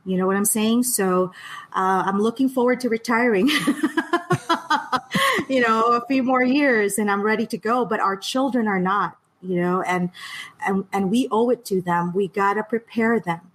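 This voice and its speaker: A woman in her fifties speaks earnestly as a guest on a video call, her voice sitting at an ordinary middle pitch. She talks about her work at length and laughs easily between thoughts. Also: a little slow, fairly bright tone, poor audio. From Philippines. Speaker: education director and guest. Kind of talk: casual interview over a live stream.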